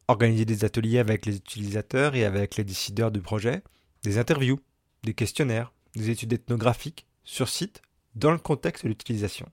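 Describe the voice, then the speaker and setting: A man hosts a solo explanatory podcast while fighting a cold. His mid-pitched voice is congested and nasal, a little duck-like. The recording is dry, with very little room sound. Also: no echo. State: has a bad cold. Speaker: podcast host and business coach.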